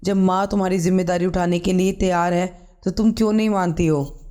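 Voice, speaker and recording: A man with a high voice voicing a weary young husband caught between wife and mother. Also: steady tone, fairly quick, warm tone, clean tone, close to an everyday voice. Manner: weary, pleading.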